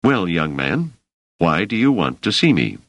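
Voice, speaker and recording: Man reading as deep-voiced mild scholar, lively inflection, dry sound. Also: dry recording, heavily acted. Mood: measured. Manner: measured, mildly wry. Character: curious middle-aged male scholar, mild, polite.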